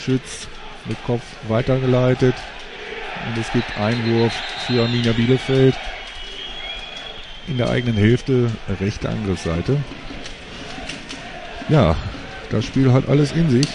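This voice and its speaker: A man with a medium-pitched voice calls a football match live, play by play. He repeats words as he follows the ball, and there is clear noise from the outdoor ground behind him. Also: measured pace, long pauses, crowd noise. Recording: noisy outdoor stadium recording.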